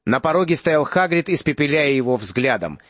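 A man narrating an audiobook in an even, steady storytelling manner. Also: fairly high pitch, moderate pace, dry recording, lo-fi sound. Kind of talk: scripted narration.

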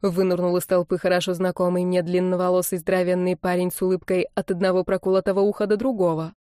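A woman narrating a young-adult novel in a lively, expressive way. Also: lowish voice, fast, clean tone, no room sound, studio quality. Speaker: audiobook reader.

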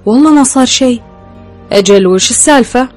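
A woman's voice: fairly high pitch, fast, a little mellow, soft background music, pitched above the performer's own voice, natural voice. A woman voicing a casual, teasing young man who speaks, in an audiobook. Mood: bantering. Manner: colloquial, bantering.

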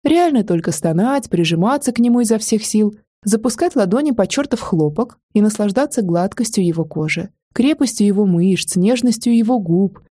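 Brief: female audiobook narrator, expressive first-person read, dry close sound. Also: mid-range voice, moderate pace, few pauses, slightly rough, dry recording.

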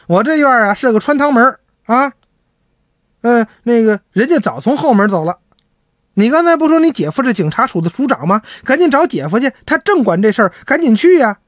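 A man voicing a brisk neighbor who impatiently scolds and hurries someone along in a storytelling piece. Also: extremely high pitch, very animated, fairly bright tone, dry recording, clean studio sound, exaggerated voice.

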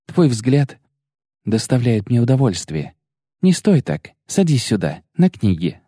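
A man's voice: medium pitch, big pitch swings, measured pace, mellow, no echo, studio quality. A man voicing a sly, sensual young sorceress in an audiobook reading, teasing, coaxing and self-assured.

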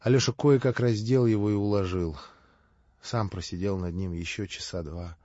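A man narrating a classic novel as an audiobook in a measured, even voice. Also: lowish voice, no echo. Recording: dull lo-fi audiobook recording.

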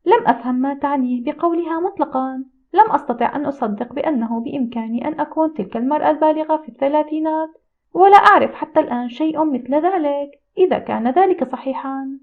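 A woman reading a first-person audiobook in a steady, reflective storytelling manner. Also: sits high, fast talker. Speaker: audiobook narrator. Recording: tinny phone-like audio.

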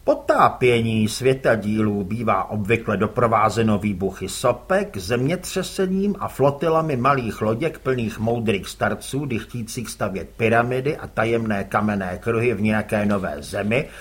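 A man narrating an audiobook with an expressive, dramatic reading. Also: fairly low pitch, few pauses, husky. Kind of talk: scripted narration.

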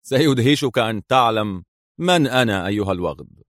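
A man's voice: lowish voice, animated, brisk, no room sound, studio quality, close to an everyday voice. A man voicing a cocky, sarcastic male secret agent in an audiobook reading, mocking and cool. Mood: stern.

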